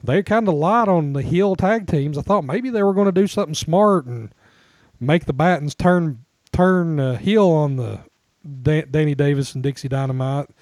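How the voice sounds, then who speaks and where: A man's voice: on the high side, normal speed, a little mellow, no room sound. Chatty man, dry close sound. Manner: chatty, laughs often, rambling restarts. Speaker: podcast co-host. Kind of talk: casual chat about wrestling.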